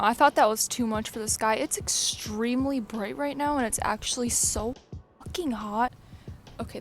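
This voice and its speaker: Brash, swearing young woman, a bit high. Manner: blunt, swears a lot, excitable. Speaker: vlogger. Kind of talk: casual chat to camera. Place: sunny, windy backyard outdoors. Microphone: phone held by hand.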